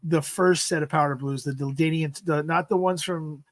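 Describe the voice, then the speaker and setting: A man in his fifties rambles through a casual sports chat, circling back and leaving sentences unfinished. His voice sits a little high for a man and comes across dry and close, with no room sound around it. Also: fairly even intonation, moderate pace, dry recording. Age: 50s. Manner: rambling, repeats "freaking", trails off mid-sentence. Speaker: livestream host.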